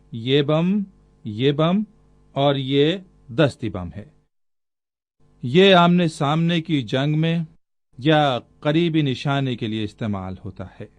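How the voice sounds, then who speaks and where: Man dubbing a soldier explaining grenades calmly. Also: a little high, dry recording. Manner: explaining step by step. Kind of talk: film dub.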